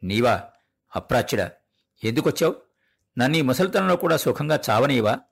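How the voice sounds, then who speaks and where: A man voicing a frail, weary old priest father who scolds his son in a raised, higher voice. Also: very animated, normal speed, gravelly, slightly rough, heavily acted. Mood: scornful anger.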